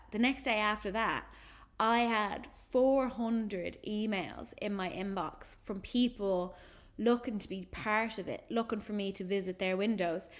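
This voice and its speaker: An Irish woman in her thirties tells a story in a relaxed, chatty way. She is a photographer giving a talk, and she livens it up by acting out the voices of the people she quotes. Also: medium pitch. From Ireland. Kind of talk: casual storytelling presentation.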